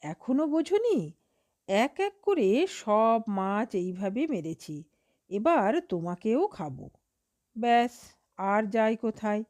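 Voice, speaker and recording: A woman's voice: fairly high pitch, very animated, slow, long pauses, darkish tone, no room sound. A woman voicing a sly, greedy male heron in a storybook tale, coaxing and wheedling. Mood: cruel. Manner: coaxing, later cruel and then pleading.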